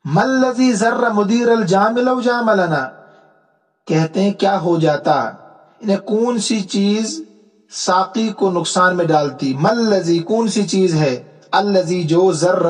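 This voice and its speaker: High-voiced man teaching a lesson. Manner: explains step by step, checks understanding with rhetorical questions; recites Arabic verse slowly and deliberately. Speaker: religious teacher. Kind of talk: classroom lecture on Arabic rhetoric.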